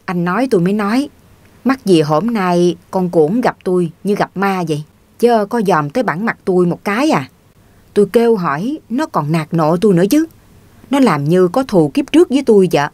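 A woman's voice: on the low side, darkish tone, no room sound. A woman reading the part of a touchy, stubborn grown man from the countryside who grumbles defensively.

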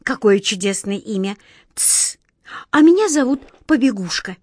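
A woman's voice: a little high, expressive, normal speed, darkish tone, dry recording, studio quality. A woman voicing a tired, guileless little page boy in a storybook, chatty and wistful.

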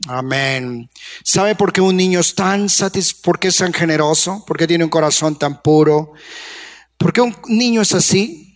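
A man preaching a sermon as pastor, passionate, swinging from hushed to loud, coaxing the congregation with questions. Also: a little high, expressive, unhurried. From Colombia.

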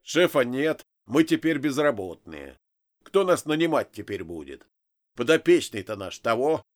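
A man's voice: mid-range voice, sing-song, a little slow. A man voicing a coarse, mocking male bodyguard who jeers at a prisoner. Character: rough male bodyguard thug, menacing and mocking.

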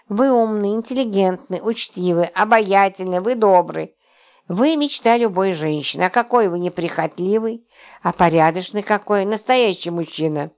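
A woman's voice: mid-range voice, lightly acted. Brief: female reader as sassy, scornful young wife in an audiobook, teasing tone. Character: sharp-tongued mocking young wife.

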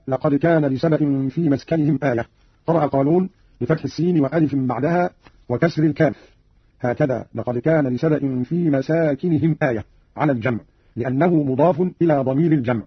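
Man, formal radio presenter, quick and husky, dry dull old broadcast sound. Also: a little high, dry recording. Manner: measured formal delivery, slows to quote verses. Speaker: radio presenter explaining readings. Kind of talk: formal scripted explanation of Quran readings.

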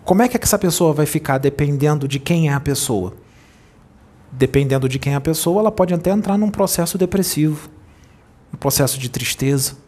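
A man's voice: on the high side, fairly quick, a little mellow. A man speaking as a spiritual medium, giving a channeled sermon in an admonishing tone and asking many rhetorical questions.

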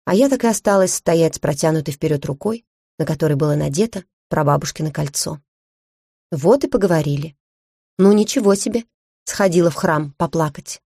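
A woman reading an audiobook in the first person, telling the story in a lively, wry way. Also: on the low side, no echo, clean studio sound. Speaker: audiobook narrator. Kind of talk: scripted first-person narration.

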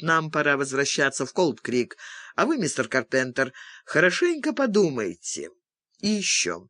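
A man voicing a calm, dry-spoken senior male agent who talks in a measured way. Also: fairly high pitch, no echo. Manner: measured and dry, pleading quietly.

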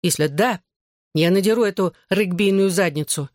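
A reader voicing a bubbly, excitable teenage girl who fiercely takes her best friend's side. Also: lowish voice, dry recording, clean studio sound, natural voice. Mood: indignant. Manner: quick to excitement and indignation.

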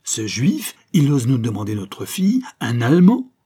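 A man's voice: mid-range voice, normal speed, dark tone, slightly rough, lightly acted. A man reading aloud, voicing a proud, domineering old paralysed woman in indignant outbursts.

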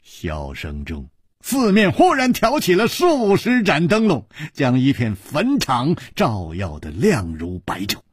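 A man narrating a long-form story with a dramatic delivery, shifting pace and pitch. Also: wildly swooping pitch, takes it slowly, breathy edge, no room sound, studio quality.

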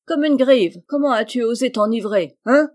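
A woman's voice: a little high, normal speed, darkish tone, pitched above the performer's own voice, close to an everyday voice. A woman reading the part of an angry, scolding army captain who barks at his servant. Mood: furious. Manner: barking, scolding. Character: irate portly army captain, male, middle-aged.

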